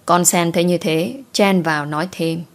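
Low-voiced woman narrating a story. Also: moderate pace.

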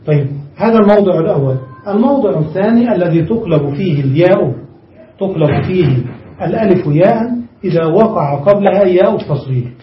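Male teacher, high voice, slow example drills; far from the mic in an echoey room. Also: dull audio, slight background noise. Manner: explains step by step, reads from a text and repeats examples slowly. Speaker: Arabic grammar teacher. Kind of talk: classroom grammar lesson.

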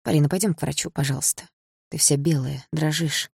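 A woman reading a gentle, careful young man. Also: deep voice, a little fast, gravelly, slightly rough, dry recording, clean studio sound, exaggerated voice.

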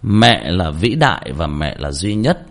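Guy talking straight to his listeners, rough blunt advice, kinda deep voice, keeps restarting his words. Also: sing-song, unhurried. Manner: blunt, coarse colloquial advice; rambling, repeats and restarts words. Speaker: host giving advice. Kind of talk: casual talk to listeners.

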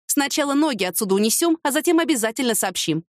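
A woman's voice: sits high, expressive, fast, no echo, clean studio sound, pitched above the performer's own voice. A woman reading an audiobook, voicing a fiery, impulsive young woman with heated, emphatic retorts. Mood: insistent.

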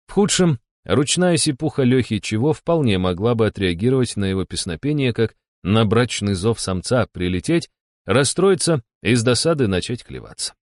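A man's voice: fairly low pitch, expressive, normal speed, no room sound. Man reading with dry irony. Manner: wry, ironic narration. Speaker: narrator. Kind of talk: audiobook reading.

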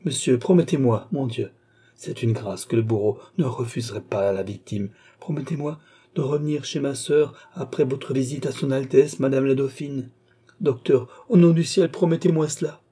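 An anguished young nobleman pleads and cries out in a husky, mellow voice, as a male audiobook reader puts him on. His lines rise in pitch and volume when he begs, in the manner of a storybook reading. The pleading stays raw and insistent. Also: normal speed, natural voice. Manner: pleading, impassioned outbursts.

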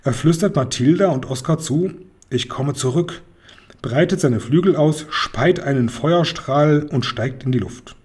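A man narrating a children's audiobook in a calm, expressive storytelling manner. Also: fairly high pitch, normal speed, few pauses, breathy edge.

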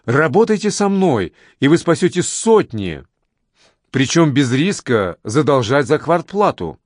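A man reading aloud, voicing a mysterious male stranger who coaxes and flatters in a smooth, persuasive way, in a dry-sounding recording. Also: a little high, a little slow, no room sound. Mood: coaxing. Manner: coaxing, flattering.

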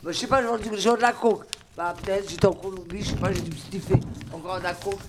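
A woman's voice: mid-range voice, steady tone, fast, background noise. A woman improvising freely in a radio workshop, rambling and playing with words and letters. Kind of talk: freewheeling improvised chat.

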